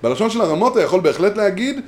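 Animated man teaching Talmudic law. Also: high-pitched. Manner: animated, chanting quoted texts. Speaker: Torah teacher. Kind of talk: Talmudic lecture.

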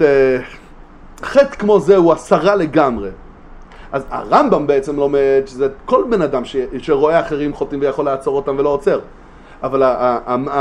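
Man, religious study lesson, slightly high pitch, emphatic rhetorical questions, hesitant restarts. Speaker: Torah teacher.

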